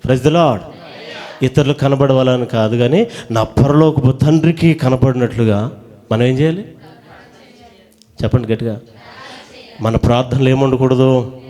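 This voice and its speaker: Dark-voiced male preacher coaxing replies. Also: mid-range voice, unhurried, pauses often. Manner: urges the congregation to answer loudly. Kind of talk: sermon with call-and-response. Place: church hall.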